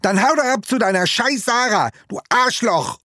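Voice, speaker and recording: A man voicing an angry little boy in an audiobook reading, shrill and accusing. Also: big pitch swings, normal speed, husky, dry recording, studio quality, exaggerated voice. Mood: screaming. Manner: shrieking, accusing. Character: furious small boy, shrill and spiteful.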